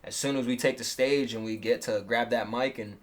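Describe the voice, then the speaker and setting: A man's voice: mid-range voice, steady tone, fairly quick. A man in his twenties, a rapper from Salt Lake City, speaking thoughtfully in a casual chat. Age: 20s. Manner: thoughtful, finishes others' sentences. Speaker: rapper, interviewee.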